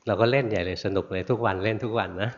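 A man, a Buddhist monk, telling a story in a relaxed sermon, often adding soft tag words, on a dull lo-fi recording in a sermon hall. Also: on the low side, rapid-fire. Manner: relaxed storytelling with frequent "na" tags.

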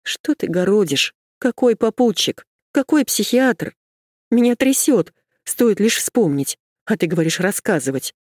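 A woman's voice: mid-range voice, lively intonation, a little slow, a little mellow, no echo, voice pushed up. A woman reading an audiobook and voicing an anxious young woman who is close to tears. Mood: agitated.

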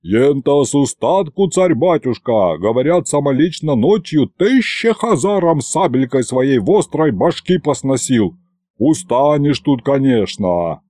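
A man voicing a cranky, loud old grandfather who scolds and teases in a folksy way. He sounds older and talks in a raised, hollering voice. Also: mid-range voice, big pitch swings, a little slow, no echo, studio quality.

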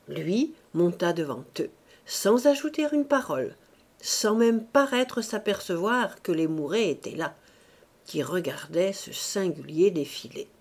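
Female narrator for a classic novel: slow, measured, with lively expressive intonation. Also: mid-range voice, husky. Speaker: audiobook reader.

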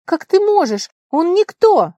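A woman's voice: extremely high pitch, big pitch swings, measured pace, warm tone, no room sound, pitched above the performer's own voice, full character voice. A woman voicing a young heiress girl who exclaims and pleads in a raised voice. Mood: outraged.

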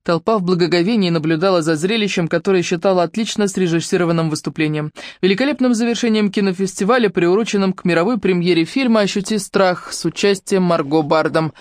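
A woman narrating an audiobook in a steady, measured storytelling voice. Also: fairly low pitch, dry recording, clean studio sound. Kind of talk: scripted narration.

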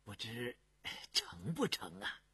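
A man voicing a fawning, nervous imperial grain official who grovels and stammers, with a husky voice. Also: lowish voice, huge pitch swings, slow pace, pushed and bright, pitched below the performer's own voice, heavily acted. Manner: obsequious, stammering when flustered.

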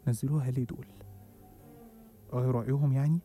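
A man's voice: medium pitch, steady tone, fast talker, dark tone, faint music behind. A man with an Egyptian Arabic accent narrating a suspenseful first-person horror story. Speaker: storyteller host.

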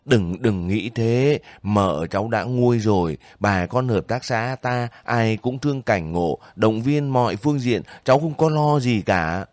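A man's voice: medium pitch, animated, unhurried, hardly any pauses, darkish tone, no echo, close to an everyday voice. A man voicing a kindly older village woman who pleads and sobs over her nephew in a spoken story. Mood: pleading. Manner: pleading, sobbing, fussing.

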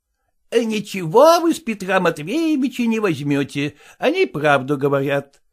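A calm, reluctant go-between in a storybook, as read by a male narrator, speaking in measured, reasonable sentences. His voice is lighter than most men's and moves a good deal in pitch.

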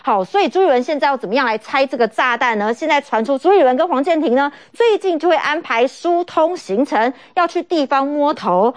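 A woman hosting a political talk show, briskly putting questions to her guest. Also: high voice, expressive, no room sound.

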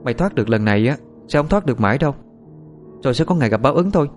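A man's voice: medium pitch, animated, fairly quick, darkish tone, faint music behind, voice pushed up, lightly acted. A man voicing a wronged young female servant who talks in an earnest, pleading, sometimes firm way. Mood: firm accusing.

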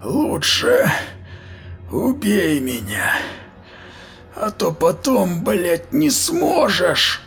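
Desperate chained giant, strained and hoarse-edged, voiced by the male narrator. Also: high-pitched, wildly swooping pitch, drawn-out words, pauses often, soft background music, pitched above the performer's own voice, heavily acted. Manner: strained, hissing, breaking into shouts.

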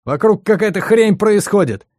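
Injured space pilot adrift, read by a man: frantic, gasping, pitched high and loud. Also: animated, moderate pace, dry recording, clean studio sound. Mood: panicky.

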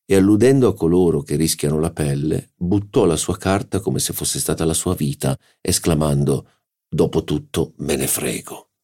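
A man reading a classic novel aloud in a measured, even narration. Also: extremely low pitch. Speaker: audiobook narrator. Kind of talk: literary audiobook narration.

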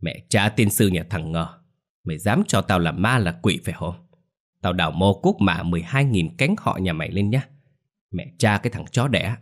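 A man's voice: sits low, fairly quick. A man voicing a ravenous, foul-mouthed old grandmother who snarls and shrieks curses. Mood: furious.

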